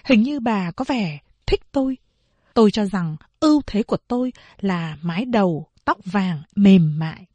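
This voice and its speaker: A woman narrating a novel aloud in a measured storytelling manner. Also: medium pitch, animated, darkish tone, dry recording. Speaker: audiobook narrator. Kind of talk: scripted narration.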